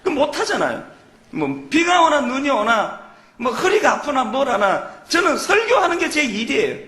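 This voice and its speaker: Lively high-voiced pastor preaching. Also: male voice, normal speed. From Gyeongsang, South Korea. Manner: earnest, emphatic preaching with rhetorical questions. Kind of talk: sermon. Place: church sanctuary. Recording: echoey church hall.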